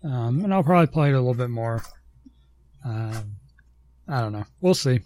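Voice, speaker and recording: Low-key man with a mellow voice. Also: lively intonation, moderate pace. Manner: low-key, hesitant with many ums. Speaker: podcast co-host. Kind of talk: casual chat.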